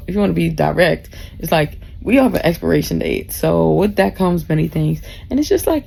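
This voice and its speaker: A woman of 39, nearly forty, rambles drunkenly to camera in a casual vlog from a cruise ship cabin, gushing and heartfelt, swearing freely and losing her thread. Her voice is fairly low and dark, with vocal fry and a breathy edge. Faint background noise runs under the recording.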